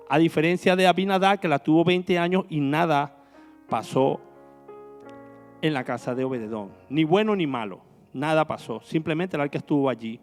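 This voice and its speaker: A man's voice: a little high, darkish tone, big-room sound. A man preaching a sermon as minister, asking the congregation rhetorical questions. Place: church hall.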